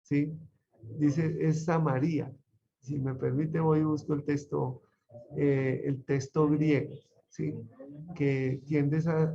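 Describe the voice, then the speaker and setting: A man with a mellow, slightly high voice teaches an online Bible class. He talks conversationally and keeps checking in with his students through questions. The audio is muffled. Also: gravelly. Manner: conversational, asks the class frequent rhetorical questions.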